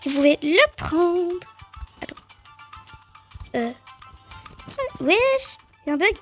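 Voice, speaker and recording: A woman giving chatty, excitable let's-play commentary on a game, talking straight to her viewers. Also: extremely high pitch, slow, faint music behind. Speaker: gaming video creator.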